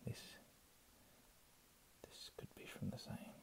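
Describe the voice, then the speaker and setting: Speaking barely above a breath, an ASMR reader goes through his text slowly in a soft whisper, occasionally adding relaxed, murmured side comments.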